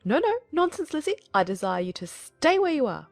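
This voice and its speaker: A woman's voice: high-pitched, big pitch swings, brisk, vocal fry, soft background music, voice pushed up, heavily acted. A woman voicing a bossy, fussing middle-aged mother in an audiobook drama, insistent and full of exclamation. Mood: insistent, scolding.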